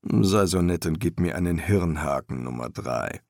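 A man doing a weary, deadpan old embalmer. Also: low-pitched, moderate pace, vocal fry, no echo, pitched below the performer's own voice. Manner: dry, patient, deadpan. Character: weary older male master embalmer.

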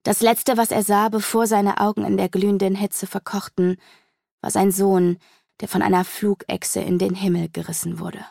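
Gravelly-voiced woman reading a dark fantasy. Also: mid-range voice, level tone, normal speed, dry recording, studio quality. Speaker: audiobook narrator. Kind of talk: dramatic fantasy audiobook reading.

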